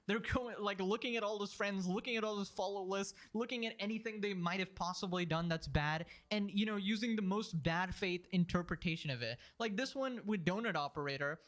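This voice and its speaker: A man's voice: high-pitched, fairly bright tone. A man giving casual, slangy, opinionated commentary in a mocking, indignant manner. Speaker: streamer reacting to a video.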